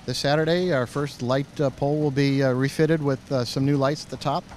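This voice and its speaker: Outdoors in an unfinished stadium under construction, a middle-aged project manager answers questions into the host's handheld mic, with faint city noise behind him. His medium-pitched voice is steady and darkish, and his casual answers come out plain, halting and unpolished, full of pauses and fillers.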